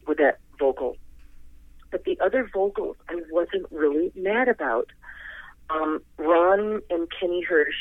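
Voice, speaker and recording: An older woman, a singer, is interviewed as a guest over the telephone, her low voice coming through a tinny, dry line with no room sound. She's effusive and rambling, laughing often.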